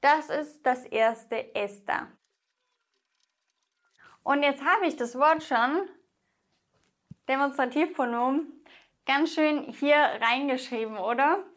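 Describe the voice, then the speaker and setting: A woman with a high voice teaches Spanish grammar, talking straight to the viewer. She goes slowly and carefully, stretching out each example word so it is easy to follow. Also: fairly bright tone. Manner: slow, careful explanations with drawn-out example words; talks directly to the viewer. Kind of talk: explaining Spanish grammar in German.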